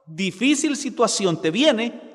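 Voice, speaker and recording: A man preaching a sermon, slowing down to quote scripture dramatically. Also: high-pitched, sing-song, big-room sound. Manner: preaching with dramatic slow quotations.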